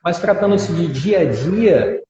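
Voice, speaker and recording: A man's voice: high-pitched, animated, takes it slowly, dark tone, a little hiss or hum. Man explaining in an echoey room. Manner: explains patiently, models pronunciations with examples. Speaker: English teacher. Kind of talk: explanatory interview talk. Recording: dull audio in an echoey room with long reverb.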